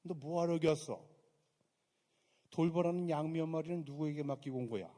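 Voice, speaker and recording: A man's voice: a little high, steady tone, fairly quick, dark tone, lightly acted. A man acting out a scornful eldest brother scolding his younger sibling, in a sneering, scolding tone, with echo from a chapel hall.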